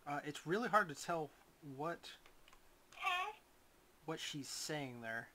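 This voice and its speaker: A man giving a casual, unscripted product review as a reviewer, in a hesitant, rambling way with frequent pauses. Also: fairly high pitch, animated, background noise. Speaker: reviewer of gadgets.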